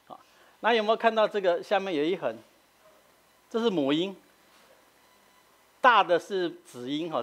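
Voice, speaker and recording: Middle-aged Taiwanese-accented pastor, teaching sermon, slightly high and very animated delivery, habitual "hah" tags. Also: male voice. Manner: explanatory, frequent filler "hah" tags, switching between Taiwanese and Mandarin.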